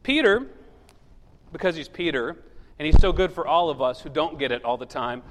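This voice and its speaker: High-voiced pastor in a reverberant hall. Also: male voice, animated, normal speed, background noise. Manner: storytelling with humor, acting out quoted voices. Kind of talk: sermon. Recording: long reverb of a large hall.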